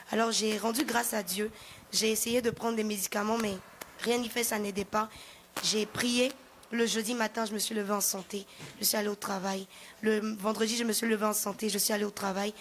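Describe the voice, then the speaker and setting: A young woman stands before her congregation and tells her testimony in a plain, step-by-step way. Her voice sits at an ordinary middle pitch, with a faint hiss in the background. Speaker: church member giving testimony. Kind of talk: personal testimony.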